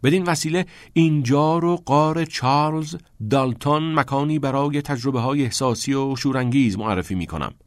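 A man's voice: medium pitch, big pitch swings, a bit bright, dry recording. A man voicing a bold, restless teenage schoolboy with a boastful manner. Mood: cocky. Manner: boastful, grandiose.

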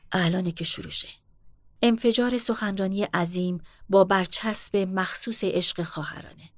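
A woman reading a novel aloud in a steady, measured way as an audiobook narrator. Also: medium pitch, no room sound, studio quality. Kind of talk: scripted narration.

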